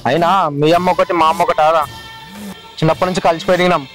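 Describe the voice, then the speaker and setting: A man's voice: on the high side, flat delivery, very fast, lightly acted. A man playing a young village man who urgently helps his friend track someone down, with a Telangana Telugu accent. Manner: urgent, agitated. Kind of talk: village short film drama. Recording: music under dialogue. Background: background music.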